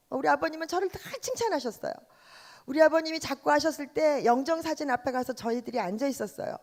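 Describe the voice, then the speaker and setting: This is a middle-aged Korean woman with a Chungcheong accent, delivering a revival sermon in a large church sanctuary. Her voice sits a little high, and she keeps pulling the congregation in with questions and calls to respond. A long reverb from the hall trails after every phrase. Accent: Korean Chungcheong dialect. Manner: lively, quizzes the congregation with questions. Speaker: pastor's wife, revival speaker.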